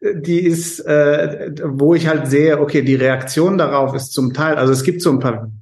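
A man's voice: fairly high pitch, steady tone, moderate pace, darkish tone. A man who grew up in Italy co-hosting a podcast, talking things through thoughtfully and often restarting his sentences while he searches for words. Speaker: podcast co-host. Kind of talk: casual political chat.

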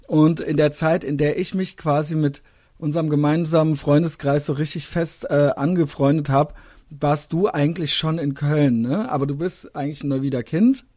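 A man's voice: on the high side, normal speed, a little mellow, no room sound, studio quality. A man in his thirties from western Germany hosting a casual podcast chat, talking in a hesitant way with lots of filler sounds. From Koblenz, Germany. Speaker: podcast host.

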